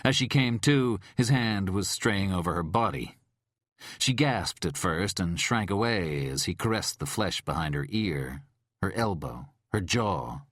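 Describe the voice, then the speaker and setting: A man narrating an audiobook thriller in a measured, dramatic storytelling manner. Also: low-pitched, lively intonation, a bit bright, no echo, studio quality.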